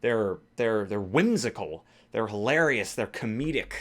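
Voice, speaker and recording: Low-voiced man rambling excitedly. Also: a little slow. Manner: rambling, enthusiastic, self-correcting. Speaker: tabletop game YouTuber and game master. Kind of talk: casual talk to camera.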